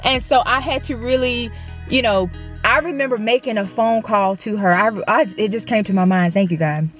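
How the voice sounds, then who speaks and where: A woman's voice: a little high, moderate pace, soft background music. A young adult woman, sharing a personal faith story in a casual, conversational way with frequent restarts and fillers. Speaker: actress and faith vlogger.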